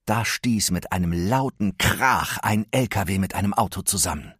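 Male storybook narrator, steady delivery, low-pitched and a touch husky. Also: no room sound, clean studio sound.

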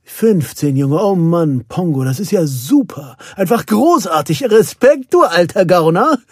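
A man acts out a proud, cheerful young dog owner in an audiobook, his voice rising high and bouncing over a wide range. The tone is husky and dry. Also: lively intonation, unhurried, no room sound, exaggerated voice. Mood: overjoyed. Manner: enthusiastic and warm.

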